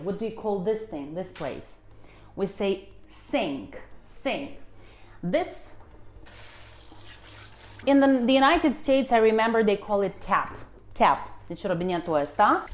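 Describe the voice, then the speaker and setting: A woman teaching English words in a playful, casual way in her home kitchen. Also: mid-range voice. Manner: lively, playful, switches between two languages. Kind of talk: casual bilingual lesson.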